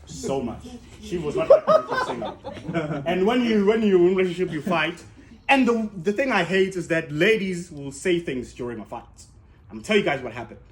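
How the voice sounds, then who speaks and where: A man doing stand-up comedy at a convention stage, teasing the audience in an animated, jokey way. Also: high voice, a little fast. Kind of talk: stand-up comedy with crowd work. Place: convention stage with a laughing crowd. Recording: crowd noise, roomy hall.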